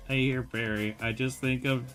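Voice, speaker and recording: A man's voice: mid-range voice, little pitch movement, unhurried, fairly bright tone, soft background music. A man hosting an art stream, chatting casually while he draws, laid-back, laughing often and swearing freely.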